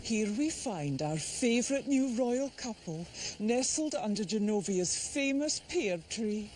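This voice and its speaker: An actress playing an excitable, gushing woman who comments theatrically on a royal courtship in a film. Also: a little high, measured pace, a little hiss or hum, poor audio. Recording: loud music over film dialogue.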